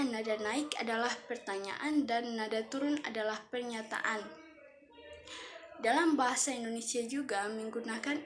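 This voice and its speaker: Young woman student reading her class presentation, kinda high voice, fixes her slips as she goes, faint hiss. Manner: reads from notes with self-corrections.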